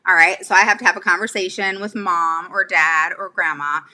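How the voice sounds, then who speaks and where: A sharp, steady, slightly fast voice on the low side belongs to this host, a woman in her forties advising on special education. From a small room in her home she gives a casual, emphatic livestream lesson, frequently pausing to ask "all right?" and "okay?"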